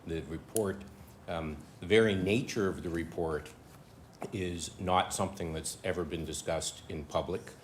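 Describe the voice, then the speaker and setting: Very deep-voiced male solicitor. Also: a little slow, a little hiss or hum. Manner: careful, cautionary. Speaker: town solicitor. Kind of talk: legal advice at a council meeting.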